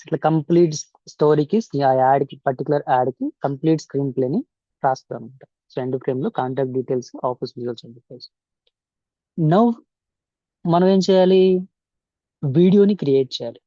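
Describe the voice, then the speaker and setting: This informal software tutorial is narrated indoors over a screen recording by a man with a Telugu accent, who mixes Telugu and English mid-sentence and repeats instructions as he goes step by step. His medium-pitched voice is fairly quick, with frequent pauses. There's no echo, and the highs are cut off.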